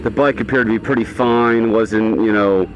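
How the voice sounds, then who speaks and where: A man's voice: fairly low pitch, fairly even intonation, moderate pace. A man vlogging casually as he rides a motorcycle, talking from inside his helmet in a rambling, offhand way. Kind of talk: casual rambling vlog talk. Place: outdoors on a motorcycle in traffic. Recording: engine and road noise, inside a helmet.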